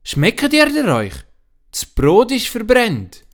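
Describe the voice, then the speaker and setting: A man voicing a loud, grumpy village baker in a children's story, drawn-out and slow. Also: high voice, big pitch swings, pitched above the performer's own voice. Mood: blustery.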